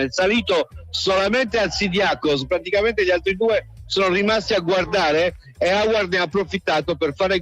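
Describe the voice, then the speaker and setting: Breathless, high-pitched man calling football goals. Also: a bit bright. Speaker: football match commentator. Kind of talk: live Italian radio goal commentary.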